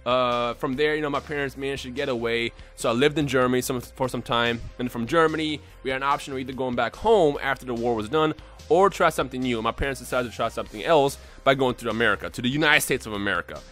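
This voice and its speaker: A young man from Bosnia, a YouTuber talking unscripted to his viewers in an excitable, rambling way with lots of restarts. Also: mid-range voice, fast talker, soft background music. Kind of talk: unscripted casual vlog talk.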